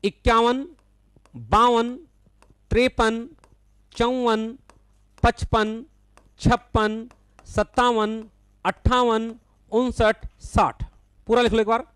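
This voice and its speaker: A male maths teacher running a live online class, calling on students by name, correcting their answers bluntly but patiently, and counting numbers aloud in a steady rhythm. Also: extremely high pitch, extremely slow, pauses often, smooth, no room sound. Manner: calls students by name, affectionately addresses them as son.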